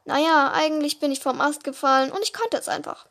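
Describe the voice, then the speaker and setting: Ein prahlerischer, spöttischer Rabencousin aus einer Vorlesegeschichte, von einer Frau gesprochen. Die Stimme liegt hoch, etwas lauter als ihr Erzählton, und klingt neckend und großspurig. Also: female voice, high-pitched, brisk. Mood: taunting. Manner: taunting, loud and bragging. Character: teasing older male raven cousin, boastful.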